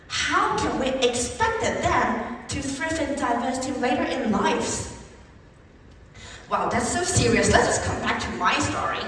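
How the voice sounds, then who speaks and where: A young woman from Taiwan with a Taiwanese accent delivers a lively, rhetorical public speech. Her voice sits a little high. She is recorded from far off in a large hall with strong echo and a faint hum of ambience. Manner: animated, rhetorical, emphatic rises on key phrases. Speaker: speech contestant.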